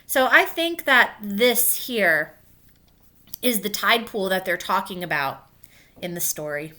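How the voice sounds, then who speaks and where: A teacher reads a children's book to young pupils, stopping to explain it in simple words. Her medium-pitched voice is expressive and bright, with a forceful tone.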